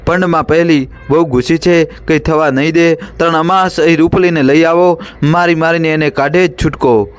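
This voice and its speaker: A man's voice: fairly high pitch, steady tone, normal speed, pitched above the performer's own voice, close to an everyday voice. A man playing a stern village woman shaman. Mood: commanding. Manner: commanding, staring, oracular.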